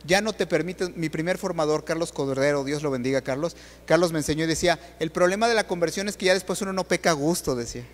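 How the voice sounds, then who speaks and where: A man's voice: a little high, fast. A man preaching a sermon, firing rhetorical questions straight at the congregation. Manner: questions the audience directly, rhetorical and animated. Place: church. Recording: long hall reverb.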